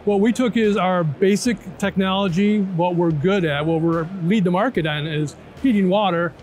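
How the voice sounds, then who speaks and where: During an interview at a large indoor trade show, a man in his fifties with a high, darkish voice presents a product at a moderate pace. He lays it out step by step and keeps checking in with "right?" and "okay?", accompanied by a background music bed.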